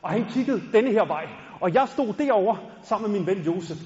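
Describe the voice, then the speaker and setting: Lively man storytelling on a hall stage. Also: sits high. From Denmark. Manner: lively, playful, talks straight to the crowd. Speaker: stand-up storyteller and rapper. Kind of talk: stage storytelling to a live audience. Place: large concert hall. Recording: echoey hall, dull sound.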